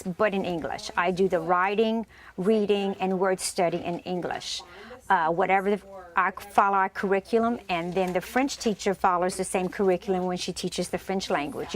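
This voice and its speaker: Middle-aged woman, medium pitch. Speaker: fourth grade teacher. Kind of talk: interview talk.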